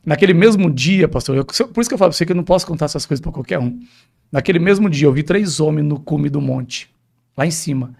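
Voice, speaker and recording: A man's voice: on the high side, animated, quick pace, gravelly, a little mellow. A man, a pastor telling a personal testimony in a podcast interview, emphatic and often addressing the host directly.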